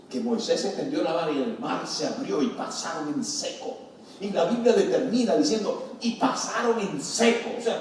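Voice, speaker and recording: High-voiced man preaching in an echoey hall. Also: a little hiss or hum. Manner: preaching with call-outs to the congregation; acts out frightened shrieks in quoted voices. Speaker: pastor. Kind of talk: sermon. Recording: very echoey hall, mic at a distance.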